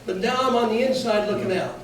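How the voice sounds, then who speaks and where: Speaking briskly in a high voice, an American man serves as an official fielding residents' questions at a community meeting, explaining matters in plain, folksy terms. The recording, made from afar in an indoor meeting room, is echoey with a distant mic and faint noise.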